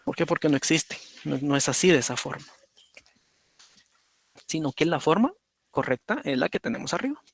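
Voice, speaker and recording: A man's voice: on the high side, animated, normal speed, creaky, pauses often, breathy edge, no echo. A man teaching a lesson at his computer, explaining step by step and checking in with "right?" as he draws. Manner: explanatory, repeats "por ejemplo" and "¿verdad?". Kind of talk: lecture on automata.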